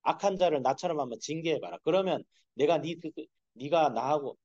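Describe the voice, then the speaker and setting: A man's voice: on the high side, expressive, brisk, a little mellow, no echo. A man voicing a stern God who bluntly challenges a man to debate him, in a sermon. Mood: challenging. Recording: dull, dry lo-fi sound.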